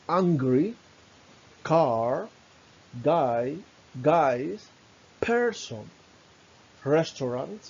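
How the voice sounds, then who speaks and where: Man, Venezuelan Spanish accent, English teacher, slow careful phrases, gravelly voice. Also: mid-range voice, dark tone, highs cut off. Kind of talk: recorded online lesson.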